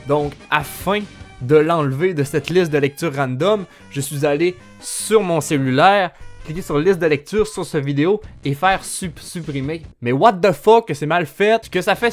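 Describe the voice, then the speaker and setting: A young man with a Québécois accent hosting a casual vlog, animated, laughing often and swearing casually. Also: fairly high pitch. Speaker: YouTuber host.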